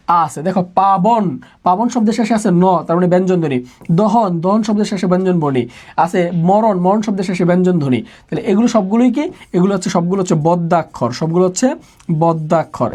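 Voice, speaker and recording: A man's voice: high-pitched, darkish tone. Man drilling exam answers by repetition. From Bangladesh. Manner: repeats questions and answers many times, urging students to answer fast. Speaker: admission exam tutor. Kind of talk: live online exam-prep class.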